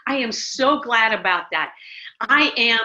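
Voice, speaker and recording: The recording is muffled and lo-fi, carrying a slightly high, animated voice that is bright and forceful yet unhurried. The speaker, a middle-aged ministry director from the United States, is an emphatic interview guest in a casual chat, frequently restarting her thoughts.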